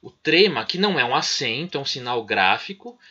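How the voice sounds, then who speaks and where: A middle-aged Brazilian man teaches in an explanatory way, often checking that the listener is following. His bright voice has a husky edge, and his pitch rises and falls with lively swings. The recording sounds dull and lo-fi. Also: brisk. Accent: Brazilian Portuguese. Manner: explanatory, frequent "né?" and "certinho?" check-ins. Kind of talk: recorded online micro-lesson.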